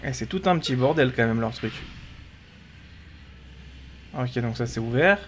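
A man's voice: mid-range voice, animated, unhurried, a little hiss or hum. A man hosting a gaming video with casual, chatty commentary, often talking to himself.

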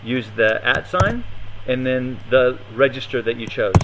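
A man's voice: medium pitch, animated, a little slow, background noise. A man giving a live coding demo at a meetup, thinking aloud and hesitating often. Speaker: meetup presenter. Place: meetup room.

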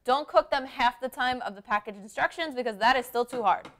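A woman's voice: a little high, brisk, fairly bright tone. A young woman hosting a cooking show in a home kitchen studio, chatting upbeat as she explains each step. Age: young adult. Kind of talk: casual cooking demonstration.

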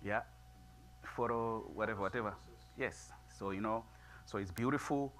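A middle-aged man preaching a sermon in a small church, moving from quiet musing to loud, emphatic preaching. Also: lowish voice, normal speed, a little hiss or hum. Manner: builds from soft musing to loud preaching, gestures widely. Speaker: pastor. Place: small church sanctuary, seated before altar flowers.

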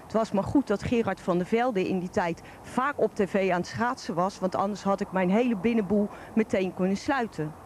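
A woman's voice: mid-range voice, normal speed, hardly any pauses, a little mellow. A middle-aged woman with a broad Rotterdam Dutch accent, reading an opinion column aloud in a blunt, colloquial, colourful manner. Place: outdoors on a park bench. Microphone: handheld microphone held close. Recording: faint outdoor background noise.

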